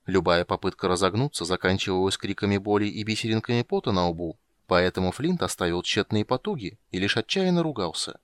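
A man narrating an audiobook with expressive storytelling. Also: low voice, fairly quick, hardly any pauses, no echo.

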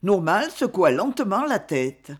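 An audiobook reader narrating a novel in a measured, expressive way. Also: mid-range voice, husky.

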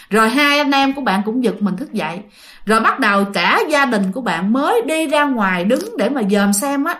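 A woman's voice: on the high side, a bit bright. A woman telling a listener's ghost story in a chatty way, speaking straight to her listeners. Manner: chatty, addresses listeners directly.

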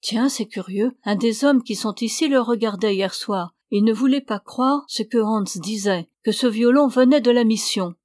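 Woman reading outspoken middle-aged innkeeper woman, brisk, audiobook, dry sound. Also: fairly high pitch, darkish tone, dry recording, close to an everyday voice. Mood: eager.

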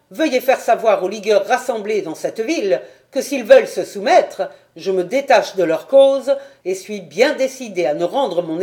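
A woman's voice: fairly high pitch, a little mellow, close to an everyday voice. A woman voicing a proud, defiant male rebel captain in a storybook reading, bold and haughty.

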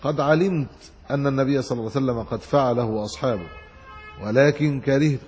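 A man's voice: medium pitch, darkish tone, long reverb tail. A man with an Egyptian Arabic accent teaching a religious lesson, reading classical commentary aloud and explaining it in colloquial asides. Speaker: Islamic scholar teaching hadith commentary.

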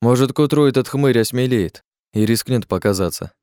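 A man reading an audiobook, voicing a steady male adventurer who leads his group and speaks firmly and tersely. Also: mid-range voice, brisk, pitched above the performer's own voice, natural voice. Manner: firm and terse.

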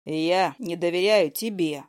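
A woman's voice: on the low side, measured pace, a little mellow, dry recording, clean studio sound, pitched below the performer's own voice, lightly acted. A woman voicing a young male healer who is affectionate and protective toward his girlfriend. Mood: defiant.

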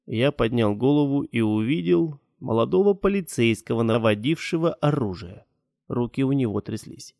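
A man reading a first-person audiobook in a measured, matter-of-fact way. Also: mid-range voice, animated, vocal fry, darkish tone, no echo, clean studio sound. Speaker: audiobook narrator.

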